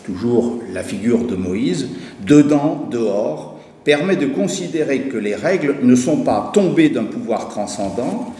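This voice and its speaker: Speaking at a conference in a university lecture hall, a man reads a prepared academic paper, then hesitates and restarts once he talks freely. His voice is medium-pitched and warm, with lively intonation and a slightly slow pace. The hall recording is echoey with faint noise.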